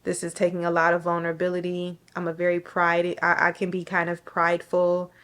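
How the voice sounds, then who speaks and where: Tearful young woman with a flat, low voice. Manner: halting, with restarts and soft pauses. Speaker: vlogger sharing her faith testimony. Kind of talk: emotional personal testimony to camera.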